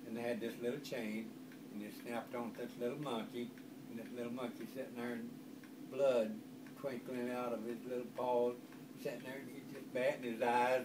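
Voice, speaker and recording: An older man with a rural Southern American accent and a folksy grandpa voice, spinning an informal, rambling country yarn. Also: mid-range voice. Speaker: grandfather telling family stories. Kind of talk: informal oral storytelling. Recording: distant microphone, loud background noise.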